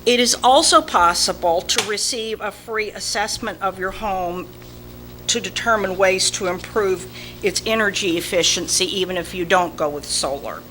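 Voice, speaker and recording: A woman with a slow Southern drawl, reading a prepared announcement as a community volunteer at a public meeting. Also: mid-range voice. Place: indoor village board meeting. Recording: noisy public meeting room recording.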